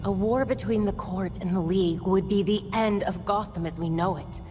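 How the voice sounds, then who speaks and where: A woman voicing Batgirl, a determined young vigilante, speaking in an earnest, brisk and focused way. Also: medium pitch, music in the background, natural voice. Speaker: game character. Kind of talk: video game cutscene acting. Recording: reverberant game mix with faint background noise.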